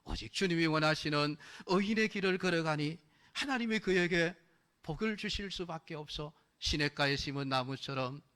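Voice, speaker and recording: Fairly high-voiced man preaching a sermon. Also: fairly bright tone. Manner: preaching with repeated rhetorical questions; emphatic, rising in force on key phrases. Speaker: pastor.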